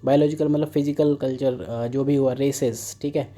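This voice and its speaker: A man's voice: mid-range voice, steady tone, normal speed, dark tone. A young man teaching a casual exam prep lesson, mixing Hindi and English with joking asides. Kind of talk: casual current affairs lesson.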